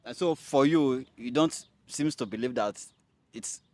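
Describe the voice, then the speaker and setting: A man hosting a casual interview show, energetic, with steady "mm" backchannels. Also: mid-range voice, a little slow, dry recording. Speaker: host.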